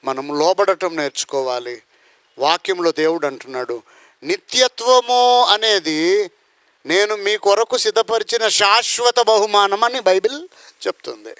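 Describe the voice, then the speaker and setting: A man's voice: high voice, a little slow, fairly bright tone, clear, resonant tone, no echo. A man preaching a sermon, firing rhetorical questions and acting out the voices in his story. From India. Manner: rhetorical questions, acts out quoted voices, bursts into song. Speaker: pastor.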